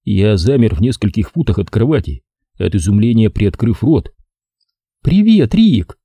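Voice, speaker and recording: Male narrator, low husky voice, lively intonation, measured wry storytelling, dry close sound. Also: no echo. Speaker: audiobook narrator. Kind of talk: scripted first-person narration.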